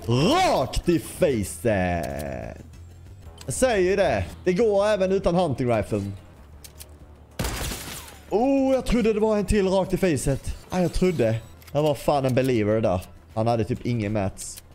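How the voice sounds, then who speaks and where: A man's voice: sits high, expressive, warm tone, faint music behind. A man giving casual gameplay commentary as a gaming YouTuber, chatty, swearing lightly and talking straight to his viewers. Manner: bursts into playful scatting and sound effects.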